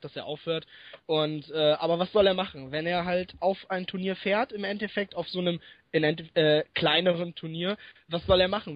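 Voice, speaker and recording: Man, casual podcast co-host, high voice, rambling with fillers, dry dull recording. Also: no room sound. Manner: rambling, frequent fillers, laughs often.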